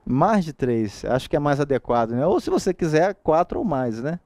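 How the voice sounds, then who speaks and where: This grammar lecture for exam prep comes from a male teacher with a Brazilian Portuguese accent and a slightly high voice at a moderate pace. He stays lively, asks rhetorical questions, and keeps checking with the class using "tá?". There's no echo.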